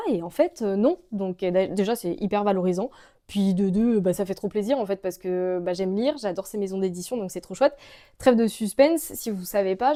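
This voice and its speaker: A woman's voice: medium pitch, warm tone. A young woman with a French accent, chatting casually to camera about books as a vlogger, gushing and full of fillers. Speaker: book vlogger.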